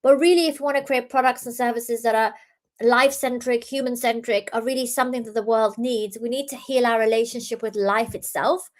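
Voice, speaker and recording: A young woman gives a talk on innovation, her voice pitched a touch high. She speaks earnestly, stumbling over restarts and leaning on filler ums as she explains her ideas. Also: fairly even intonation, fairly quick. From Iran, raised in the UK. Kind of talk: talk presentation.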